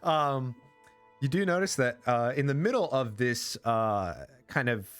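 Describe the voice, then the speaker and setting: A man's voice: mid-range voice, sing-song, a little slow, fairly bright tone, clear, resonant tone, soft background music. A man narrating as game master, rambling with lots of fillers.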